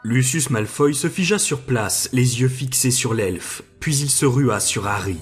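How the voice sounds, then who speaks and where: A man narrating a story aloud at a steady, measured pace. His voice sits at an ordinary middle pitch for a man, clear and even. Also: soft background music. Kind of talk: audiobook reading.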